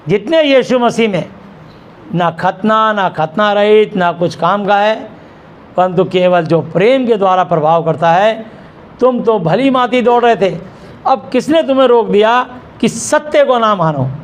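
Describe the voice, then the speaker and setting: A man's voice: high-pitched, a little hiss or hum. A middle-aged man pastor delivering an emphatic sermon in a church hall, asking rhetorical questions and answering them himself.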